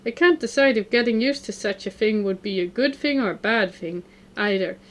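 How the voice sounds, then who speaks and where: A woman's voice: medium pitch, lively intonation, moderate pace, close to an everyday voice. A woman reading an awkward, thoughtful teenage boy. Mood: reflective.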